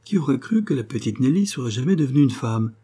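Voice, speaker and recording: A man's voice: medium pitch, expressive, fast talker, mellow, husky, pitched above the performer's own voice. A man reading aloud who gives a cheerful, teasing young man his lines. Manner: cheerful, light.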